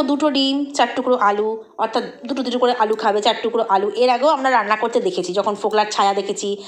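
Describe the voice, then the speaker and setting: Sarcastic woman gossiping. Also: fairly high pitch. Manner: mocking, sarcastic, chatty with rhetorical questions. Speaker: vlogger. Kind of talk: gossip commentary vlog.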